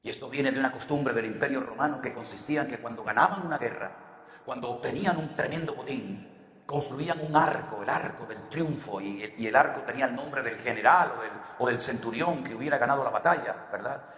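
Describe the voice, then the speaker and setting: Middle-aged Spanish man, pastor preaching, storytelling, mid-pitched voice, echoing hall with long reverb. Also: fairly quick. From Spain. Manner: storytelling, swings from hushed to loud and high. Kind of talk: sermon.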